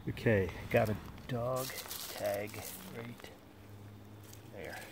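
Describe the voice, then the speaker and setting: A man with a lowish, crackly voice talks casually through what he is finding as a metal detecting host. He half murmurs to himself in understated wonder. He is recorded outdoors on a handheld camera, with noticeable ambient noise around him. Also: drawn-out words. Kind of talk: casual field narration of finds. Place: outdoors in a wooded park. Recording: clear outdoor background noise.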